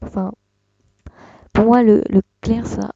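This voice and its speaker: Young tutorial host, gravelly and mellow, hesitant delivery, dull dry desktop mic sound. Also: medium pitch, fairly even intonation, slow pace, dry recording. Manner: hesitant, many fillers and restarts. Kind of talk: casual screen-recorded tutorial.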